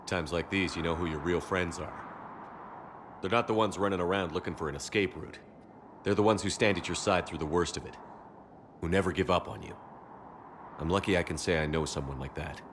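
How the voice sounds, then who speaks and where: A man voicing a steady, confident military commander in a video game, measured and assured. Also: sits low, slight background noise. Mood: sincere.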